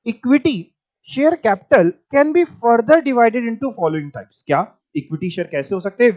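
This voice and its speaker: High-voiced man explaining, dull lo-fi sound. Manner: reads English text slowly, then explains in Hindi with quick rhetorical questions. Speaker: teacher. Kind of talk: classroom lecture. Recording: dull lo-fi recording.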